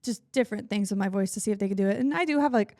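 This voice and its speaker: Young woman guest, raspy low voice, lots of gravelly fry, dry close sound. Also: very fast, darkish tone, dry recording. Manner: trails into vocal fry at sentence ends. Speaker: country singer guest. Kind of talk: casual chat.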